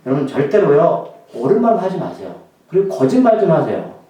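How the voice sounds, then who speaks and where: A man's voice: a little high, sing-song, a little fast, heavy reverb, recorded from a distance, muffled recording. A male pastor delivering a sermon in a conversational way, often throwing questions to the congregation.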